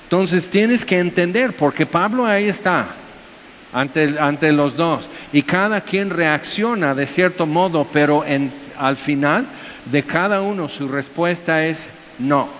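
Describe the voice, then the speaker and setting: A lively man delivers a casual, conversational sermon, slipping into squeaky high voices when he acts out other people. His voice sits a little high for a man. It was recorded with a dull, muffled sound, and a long hall reverb lingers behind it. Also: a little slow. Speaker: preacher. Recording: dull echoey hall with faint hiss.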